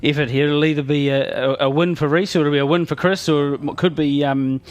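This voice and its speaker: A man's voice: a little high, fairly even intonation, a little fast. A man giving conversational motorsport analysis as co-commentator, hesitantly rephrasing as he goes.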